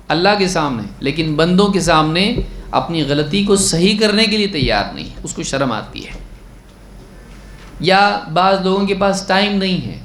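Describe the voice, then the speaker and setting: A man's voice: fairly high pitch, a bit bright, roomy sound, slight background noise. A man teaching a religious lesson on prayer, reciting Arabic text and explaining it, asking his listeners questions, then answering them, and exhorting them sternly.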